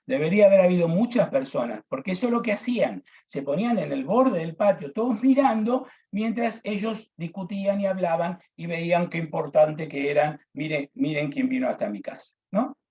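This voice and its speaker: A man's voice: high-pitched, animated, moderate pace, few pauses, a little mellow. Man, deacon teaching Bible class, emphatic, repeats phrases, muffled lo-fi sound. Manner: emphatic, repeats key phrases, addresses listeners as brothers.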